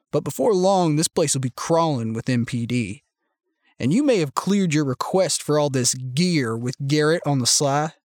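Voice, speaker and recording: A smug young militia leader, as a man puts him on, calm and sardonic. He speaks in an unhurried, quietly threatening tone, slightly high in pitch. The recording is close and dry. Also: no room sound, close to an everyday voice.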